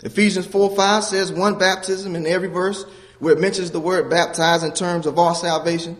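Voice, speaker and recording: High-voiced man preaching in a reverberant hall. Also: level tone, moderate pace, fairly bright tone. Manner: earnest teaching, reads scripture aloud, asks questions. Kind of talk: sermon. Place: church with a baptistry.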